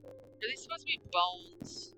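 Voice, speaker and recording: A woman's voice: mid-range voice, animated, unhurried, pushed and bright, faint music behind, rough recording. A woman streamer giving casual commentary while she plays a game, muttering to herself and breaking into exasperated cursing.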